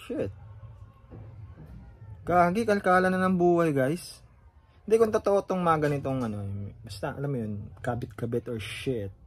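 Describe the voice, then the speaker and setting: A man's voice: a little high, expressive, normal speed, long pauses. A man talking casually to his viewers as he reacts to a song, often asking them questions and swearing in surprise.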